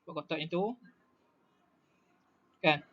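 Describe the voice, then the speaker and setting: A man's voice: fairly high pitch, slow pace, slightly rough, muffled recording. Patient Malaysian male Arabic teacher. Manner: patient, repetitive, checks understanding with questions. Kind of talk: classroom lesson explanation.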